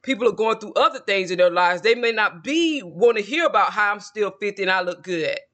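A tarot video maker in his late forties speaks a little fast in an expressive voice that sits high, bright and forceful. Talking casually to camera on his own, he rambles with self-assurance and keeps coming back to the same points.

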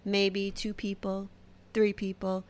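A woman's voice: medium pitch, completely flat delivery, takes it slowly, a little mellow. A woman in her thirties with a Brooklyn accent, hosting a solo podcast in a chatty, self-deprecating way. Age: 30s. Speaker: podcast host. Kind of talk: casual solo podcast talk.

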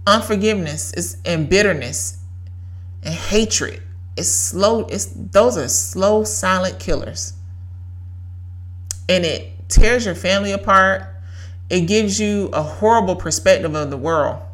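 A woman in her 30s hosts a podcast, giving an emphatic, preachy faith-based motivational talk and repeating lines for effect. Her voice is medium-pitched and unhurried.

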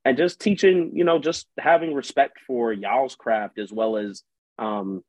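Speaking with a mid-range, darkish voice at an unhurried, steady pace, a musician and writer talks casually as an interview guest. He's loose and slangy, with "like" all through his speech, captured in dull, close, dry lo-fi audio with no room sound.

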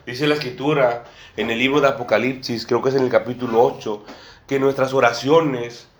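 With a mid-range voice, fairly even intonation and a moderate pace, a man preaches amid slight background noise in an echoey church room with a table and a small congregation. He frequently repeats phrases and refers to his listeners as brother and sister.

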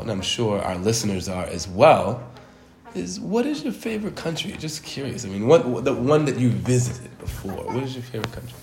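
A man's voice: lowish voice, roomy sound. A man interviewing his wife in casual chat, playful and teasing, often repeating himself. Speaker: interviewer, host's husband.

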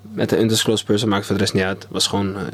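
A man, co-hosting a podcast in casual chat, rambling with many pauses and slang. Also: lowish voice, flat delivery, a bit bright. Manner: rambling, pauses with ehm, slang-heavy storytelling. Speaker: podcast co-host.

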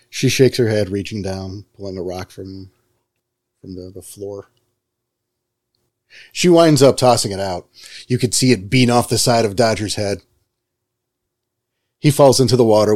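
A man's voice: on the low side, normal speed, pauses often, a little mellow, no room sound. A man improvising narration as the game master of a tabletop roleplaying game.

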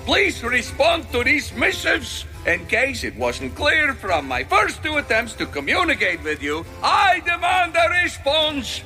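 A man's voice: very high-pitched, very animated, unhurried, few pauses, pushed and bright, soft background music, full character voice. A man playing a mad, imperious king ranting insults in a comic audio drama. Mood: furious, ranting.

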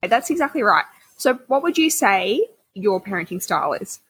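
A young woman with a very breathy, raspy voice, chatting casually as a podcast co-host. She sounds agreeable and reassuring, backing up her friend's points. The recording is dry and close to the mic. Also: mid-range voice, very animated, normal speed, a bit bright, dry recording, poor audio. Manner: agreeable, reassuring, laughs often. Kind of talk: casual chat.

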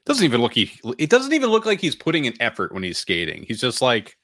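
A man co-hosting a podcast, chatting casually about sports, animated and quick to laugh. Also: medium pitch, no echo, studio quality. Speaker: podcast co-host.

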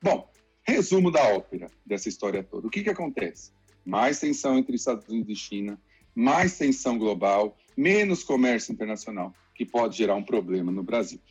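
A Brazilian man explaining the economy to listeners in a lively, conversational way, acting out what people say. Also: fairly low pitch, brisk, breathy edge. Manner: lively explainer, acts out quotes. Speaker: economic commentator. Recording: dull lo-fi sound with faint music.

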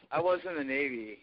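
A man calling in as a podcast guest, speaking into a phone held away from his mouth, so he sounds distant. He talks in a relaxed, plain-spoken way and chuckles now and then. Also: a little high, muffled recording.

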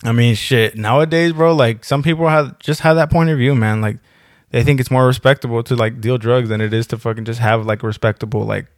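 A man's voice: mid-range voice, brisk, no room sound. A young man with a mid-range voice, recorded dry and close. He talks like a casual podcast co-host trading banter, full of slang, swearing and joking asides. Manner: slangy, profane, jokey.

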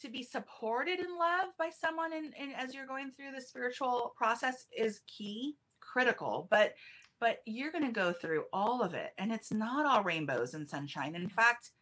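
A woman's voice: fairly high pitch, lively intonation, moderate pace, fairly bright tone. A woman speaking as a numerology guest in a casual podcast interview, chatty, restarting her sentences and laughing easily.

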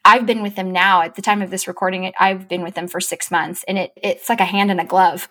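A woman guest in an interview, telling a personal story in a warm conversational way, her voice jumping high with excitement when she quotes herself. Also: brisk. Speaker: chief operating officer.

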